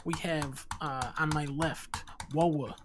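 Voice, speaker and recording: A man hosting a casual comedic podcast, joking deadpan with plenty of fillers. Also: on the high side, unhurried. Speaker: podcast host.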